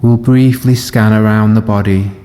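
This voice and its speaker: A man with a fairly low, fairly even voice leads a guided body scan meditation, speaking gently and unhurriedly in short phrases with long pauses. The live session is in a reverberant room, with the long reverb of a hall.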